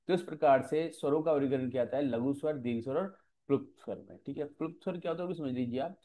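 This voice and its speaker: A man with a mellow, darker voice gives an exam-prep lecture. He explains patiently, step by step, and keeps checking in with his students as he goes. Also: mid-range voice. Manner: explanatory, often checks in with "ठीक है". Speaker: teacher.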